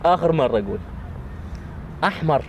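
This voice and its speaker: Animated Iraqi man playing a guessing game. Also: fairly high pitch, brisk, dull audio. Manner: repeats single words emphatically. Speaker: clue-giver in a headphone word-guessing challenge. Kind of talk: casual joking banter during a guessing game. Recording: faint outdoor or car noise behind.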